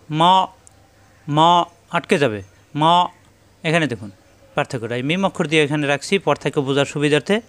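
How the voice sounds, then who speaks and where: A man teaching Quran recitation, patiently explaining the rules and repeating syllables slowly and emphatically so students can copy them. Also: fairly high pitch, a bit bright, no room sound. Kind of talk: tajweed lesson, modeling pronunciation.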